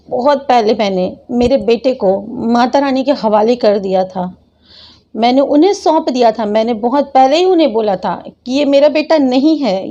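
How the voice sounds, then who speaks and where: A woman's voice: on the high side, dark tone, dull audio. A woman vlogger in her thirties, talking in an emotional, devotional monologue that keeps repeating itself. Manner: repetitive, impassioned, devotional.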